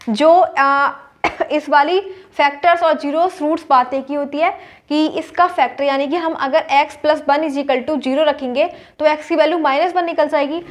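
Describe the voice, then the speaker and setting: High-voiced woman teaching a math lesson. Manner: explains step by step, repeats checks with "ठीक है", mixes English terms into Hindi. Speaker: maths teacher.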